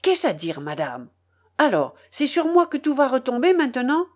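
A stout, hot-tempered old man roars his outrage in a swooping, lively voice, as a woman reader puts him on. He blusters and shouts, huffing at every slight, like a character from a storybook reading. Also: medium pitch, moderate pace, husky. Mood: indignant.

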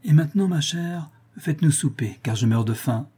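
A man's voice: fairly high pitch, animated, normal speed, dark tone, husky, pitched above the performer's own voice. A man reading an audiobook voices a vain, cheerful nobleman in a gallant, self-satisfied manner.

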